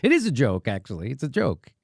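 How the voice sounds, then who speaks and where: A man's voice: medium pitch, wildly swooping pitch, fast talker, creaky, darkish tone, breathy edge, dry recording, clean studio sound. A man hosting a political comedy talk show, ranting sarcastically and laughing at his own jokes. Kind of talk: mocking political commentary.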